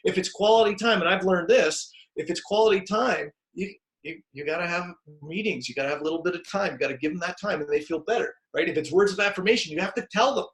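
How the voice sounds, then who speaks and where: A man in casual conversation about his staff, animated and emphatic, acting out quotes. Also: high voice, fast, few pauses, poor audio. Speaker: business owner discussing team coaching.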